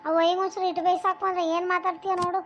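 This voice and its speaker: A woman's voice: very high-pitched, little pitch movement, very fast, lo-fi sound, a little hiss or hum. A woman voicing a bitter old village grandmother in a cartoon, nagging and self-pitying as she scolds her daughter-in-law. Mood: scolding. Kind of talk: cartoon voice acting.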